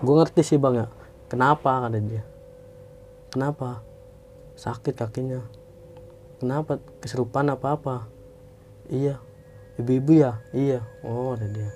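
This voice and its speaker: A man's voice: medium pitch, steady tone, measured pace, long pauses, darkish tone, slight background noise. A young man from Indonesia casually telling a true story, slangy, acting out the quoted voices.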